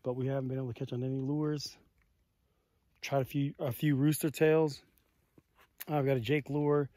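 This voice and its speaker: A man's voice: medium pitch, little pitch movement, normal speed, dark tone, dry recording. Man, 40s, casual vlogger, phone held at arm's length outside, dry sound, mid-range voice, loose fillers. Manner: laid-back, rambling, peppered with fillers. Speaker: vlogger on a family fishing trip. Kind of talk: casual explanatory chat. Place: outdoors on a mountain lakeshore.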